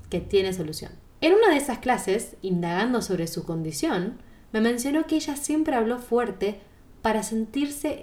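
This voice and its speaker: A woman singing teacher with a Rioplatense Spanish accent, giving a podcast monologue in a calm, explanatory way and speaking straight to the listener. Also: mid-range voice.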